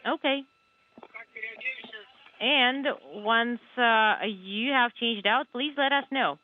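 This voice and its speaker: High-voiced man over a tinny space radio. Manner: brisk, procedural, relaying instructions. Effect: crackly narrow radio transmission, like a space communicator. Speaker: interpreter on space-to-ground radio loop. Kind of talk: clipped radio-protocol talk. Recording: tinny radio comms link.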